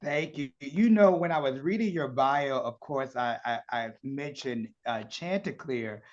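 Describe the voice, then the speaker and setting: A man's voice: mid-range voice, measured pace. Southern guy hosting an interview over video call, effusive, lots of you-knows, kinda muffled sound. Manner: chatty, effusive, with fillers. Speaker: interview host. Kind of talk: virtual interview.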